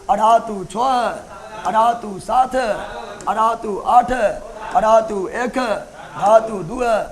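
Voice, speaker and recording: A man teaching a chemistry class, repeating key words and quizzing students in colloquial Hindi with joking asides. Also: sits high. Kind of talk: classroom lecture with call-and-response questions. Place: classroom, also streamed online.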